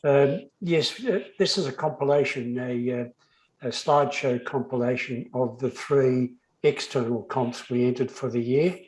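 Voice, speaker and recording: Slow, hesitant man on a call. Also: medium pitch, darkish tone, rough recording. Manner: hesitant, with many fillers. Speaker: club member presenting. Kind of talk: casual online meeting talk. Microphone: video call.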